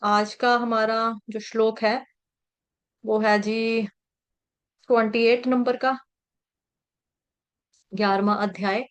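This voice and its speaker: A woman with a high voice leads a devotional pronunciation lesson at an unhurried pace. She chants verse lines slowly and breaks words into syllables, repeating each one until it is clear. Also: level tone, muffled recording. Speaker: scripture recitation teacher.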